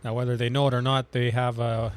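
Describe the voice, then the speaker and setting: A man with a scratchy voice from a cold, hosting casual commentary over his own tank gameplay and calmly explaining his tactics. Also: medium pitch, quick pace. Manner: relaxed, explaining tactics as he plays. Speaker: gaming channel host.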